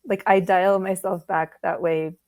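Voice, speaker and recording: A woman's voice: medium pitch, steady tone, unhurried, a little mellow. Chatty woman podcast host, laughing easily. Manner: chatty storyteller, laughs often. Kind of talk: casual podcast conversation.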